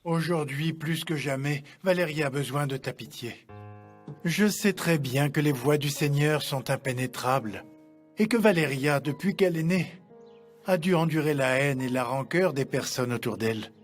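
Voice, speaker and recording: Actor as a solemn older priest. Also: male voice, fairly high pitch, moderate pace, lightly acted. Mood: prayerful, earnest. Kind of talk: dubbed telenovela drama acting. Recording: soft music behind.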